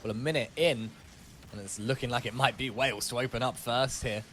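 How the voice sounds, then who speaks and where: A man's voice: medium pitch, fairly even intonation, brisk, fairly bright tone, a little hiss or hum. A man giving playful, chatty color commentary on an esports match. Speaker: esports co-caster.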